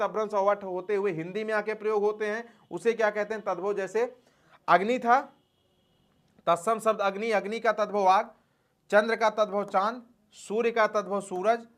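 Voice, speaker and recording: A man's voice: high-pitched, steady tone, normal speed, fairly bright tone. A man teaching grammar for exams in a folksy manner, asking questions and answering them himself and calling his students dear friends. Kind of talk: exam-prep lesson.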